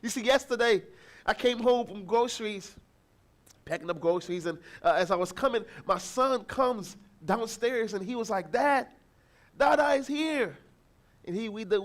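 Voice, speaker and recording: A man preaching a sermon as pastor, telling a family story and acting out the people in it, with bursts of shouting. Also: sits high. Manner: animated, acts out voices, shouts encouragement.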